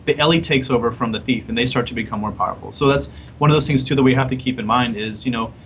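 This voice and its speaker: A man's voice: medium pitch, a bit bright, slight background noise, rough recording. A man, a game developer, explaining his design thinking in a casual podcast panel chat. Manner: quick, explanatory, casual slang.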